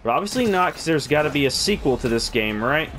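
A man doing casual, jokey let's play commentary, reacting out loud to a video game. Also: a little high, very animated, quick pace, a little hiss or hum. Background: video game audio and music.

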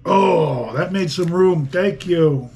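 A man with a slightly higher voice talks casually through an eating challenge at home, joking between bites. Faint music plays behind him. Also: slow pace, dark tone. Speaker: beer review vlogger.

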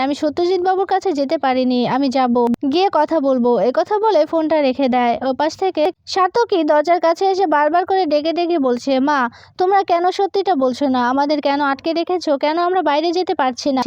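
A woman's voice: high-pitched, a little mellow, dry recording, lo-fi sound. A woman narrating a TV serial recap, quoting each character's lines in her own plain voice. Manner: plain retelling, quoting characters without acting them.

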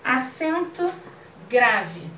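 Brazilian female teacher, slow deliberate delivery, slightly high voice, roomy distant mic, faint room hiss. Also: sing-song, bright, forceful tone. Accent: Brazilian Portuguese. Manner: patient, explains slowly and checks understanding with "ok?". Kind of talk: online class lesson.

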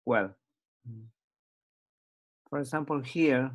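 A man's voice: mid-range voice, extremely slow. A man, teaching an English lesson with patient repetition and translation. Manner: patient, repeats phrases and translates into Spanish.

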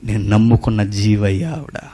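A man preaching a sermon. He fires rhetorical questions at his listeners and swings between loud exclamations and quiet storytelling. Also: fairly low pitch, normal speed, breathy edge.

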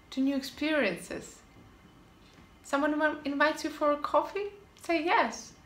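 An upbeat woman vlogger with a high, slightly bright voice gives scripted tips to camera about living abroad. She is emphatic and repeats short, punchy answers. The room is echoey with faint ambience.

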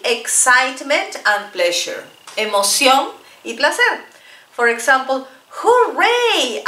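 A woman teaching a bilingual English lesson, saying each model phrase slowly and clearly so learners can repeat it. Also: fairly high pitch, bright, forceful tone, reverberant, recorded from a distance, slight background noise. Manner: slow, drawn-out model phrases for repetition. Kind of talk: bilingual classroom-style lesson.

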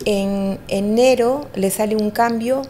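A woman psychic giving readings in an interview, hesitant and often pausing with fillers and checking she is understood. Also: mid-range voice, fairly even intonation, mellow, slight background noise. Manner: hesitant, fills pauses with "eh" and "¿me entiendes?". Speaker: astrologer and psychic.

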